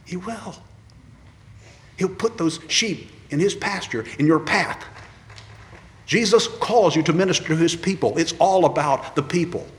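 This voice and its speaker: In a large church with long reverb, a man with a fairly high voice preaches an earnest ordination sermon a little slowly. He repeats his refrains and acts out the voices he quotes.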